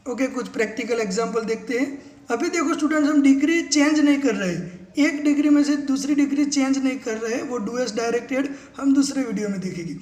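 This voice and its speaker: A man teaching English grammar step by step, spelling words out letter by letter and reading English definitions slowly. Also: very high-pitched, darkish tone, echoey room. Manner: mixes slow English definitions into quick explanations. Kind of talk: classroom-style grammar lesson.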